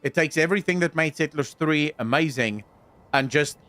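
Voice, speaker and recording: Casual gameplay livestream chat from a South African man who talks at normal speed in a slightly high, a bit bright voice. Chatty and prone to casual swearing, he reads the chat and replies to viewers.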